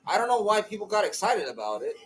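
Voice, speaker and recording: A man's voice: sits high, very animated, fast talker, fairly bright tone, slight background noise, poor audio. A man co-hosting a casual chat podcast, talking in earnest, rambling runs and steering the topics. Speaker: podcast co-host.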